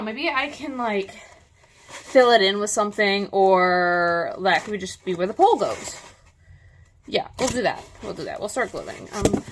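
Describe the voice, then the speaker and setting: Rambling woman with a gravelly voice. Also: mid-range voice, a little hiss or hum. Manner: rambling, self-correcting, frequent "like" fillers. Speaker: prop maker. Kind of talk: casual crafting vlog. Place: home workspace, indoors.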